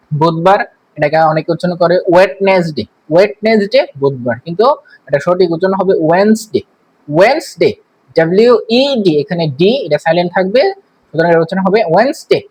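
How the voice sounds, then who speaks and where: A man giving a spoken vocabulary lesson, repeating each word slowly for practice. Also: high voice, poor audio. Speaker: English teacher.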